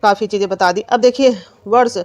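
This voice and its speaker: A woman's voice: mid-range voice, fairly even intonation, fairly quick, darkish tone, no echo. A woman teacher giving an exam-prep lesson, asking questions and answering them herself. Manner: repetitive quizzing, asks and answers own questions.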